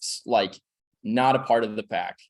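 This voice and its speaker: A man's voice: on the low side, moderate pace. A young man in his early twenties, an actor on a panel, speaking candidly and reflectively with lots of "like" fillers. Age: 20s. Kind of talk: personal sharing on a panel.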